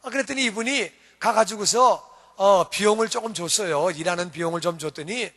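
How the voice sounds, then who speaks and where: High-voiced, bright storytelling pastor. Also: male voice, fairly quick, long reverb tail. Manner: animated storytelling with acted quotes. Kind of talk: sermon. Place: church.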